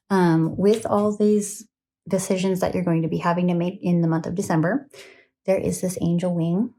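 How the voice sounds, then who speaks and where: A woman's voice: fairly low pitch, a little mellow. A woman giving a casual tarot reading late at night, chatty and rambling, with many fillers, and sounding tired. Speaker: tarot reader.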